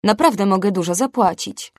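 A woman voicing an insistent male club customer who pleads softly and keeps pushing. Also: mid-range voice, brisk, dry recording, studio quality, natural voice. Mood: pleading. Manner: soft, persistent pleading.

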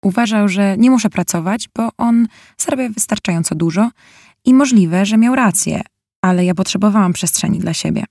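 A woman's voice: mid-range voice, normal speed, a little mellow, no room sound, clean studio sound. A young woman narrating a novel in the first person, in an emotional, bitter way. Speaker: audiobook narrator.

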